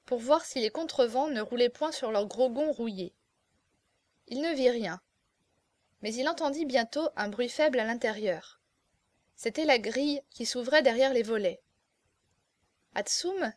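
A woman reading a classic novel aloud as audiobook narrator, measured and expressive. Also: fairly high pitch, no room sound.

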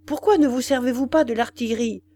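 A woman's voice: fairly high pitch, fairly quick, mellow, voice pushed up, lightly acted. A woman reading the lines of a cold, imperious old aristocratic commander in curt, commanding tones for an audiobook. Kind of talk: audiobook character voice.

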